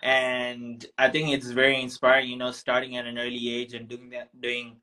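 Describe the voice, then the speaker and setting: Bright-voiced young man from Tanzania. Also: medium pitch, monotone, normal speed, rough recording. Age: young adult. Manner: reflective, many ums and restarts. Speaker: guest, founder. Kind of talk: casual interview.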